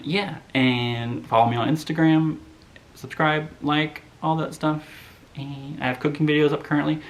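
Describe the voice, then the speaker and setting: A man in his thirties chatting casually to camera as a movie vlogger, rambling and animated, full of "like". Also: fairly high pitch.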